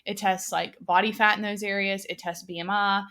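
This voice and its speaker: A woman's voice: mid-range voice, level tone, a little fast, bright, forceful tone. A woman in her twenties hosting a podcast, chatting casually with lots of fillers. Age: 20s. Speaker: podcast host. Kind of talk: casual chat.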